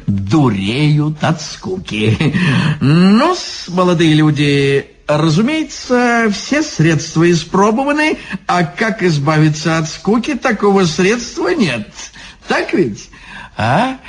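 A man's voice: on the high side, big pitch swings, slow, slightly rough, soft background music, full character voice. A man voicing a pompous, giggling old sage who lectures the young in a fussy, sugary way. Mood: coaxing. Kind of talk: audiobook character reading.

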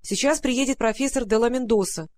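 A woman's voice: on the high side, close to an everyday voice. A woman reading an audiobook, voicing an anxious, strict mother who fusses and flares up. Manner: fussing and quick to flare.

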